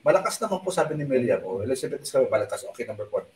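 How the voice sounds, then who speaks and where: A man hosts a casual live stream, rambling through a story with many fillers and restarts. He keeps his voice low on purpose. The sound is roomy, and he sits back from the microphone. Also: sing-song, rapid-fire, distant mic, slight background noise. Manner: speaks softly on purpose at night. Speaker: online show host.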